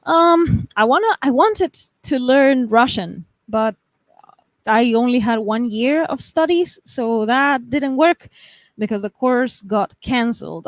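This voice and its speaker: In a dry recording, a young woman from the United States speaks in a slightly high voice while hosting a live stream. She chats in a casual way and reads viewer comments aloud, often breaking into laughter and restarting what she's saying.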